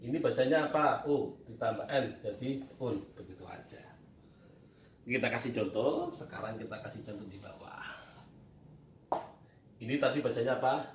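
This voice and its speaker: A man's voice: mid-range voice, moderate pace, pauses often. A man teaching Quran reading at a board, patiently asking questions and answering them himself. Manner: patient, repetitive, asks and answers his own questions. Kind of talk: whiteboard reading lesson. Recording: echoey room, distant mic, faint noise.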